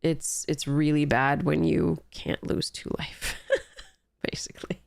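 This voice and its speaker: A woman's voice: deep voice, little pitch movement, slow, gravelly, darkish tone, dry recording, studio quality. A woman with a congested, stuffy nose, commentating casually and wryly on a game as she streams.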